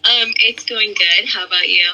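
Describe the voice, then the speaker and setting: A woman's voice: mid-range voice, moderate pace, pushed and bright, poor audio. A woman guest on a casual podcast, sick and throaty, hesitant and polite with many ums.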